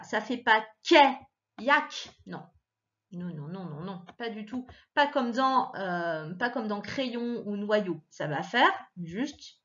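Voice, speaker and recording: A woman teacher giving a child a reading lesson, patiently sounding out syllables and repeating words, her pitch jumping up when she stresses a point. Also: a bit bright, dull audio. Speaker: primary school teacher.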